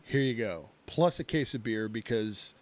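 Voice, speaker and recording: A man's voice: fairly low pitch, expressive, moderate pace. A man in his thirties co-hosting a casual podcast, rambling and swearing through a long drinking story. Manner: rambling, profane, many fillers. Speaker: podcast co-host. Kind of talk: casual chat.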